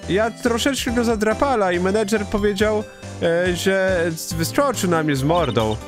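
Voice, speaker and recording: A hoarse man voicing a loud, brash young woman photographer who talks rough and mangles her grammar. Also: sits high, expressive, normal speed, over music, pitched above the performer's own voice. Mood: chatty.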